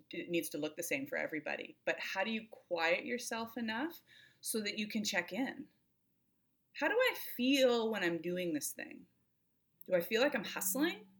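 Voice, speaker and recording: This co-host's voice sits on the low side with a fairly bright tone as she joins a reflective conversation on self-care. Her speech is thoughtful and searching, with phrases repeated and reshaped along the way.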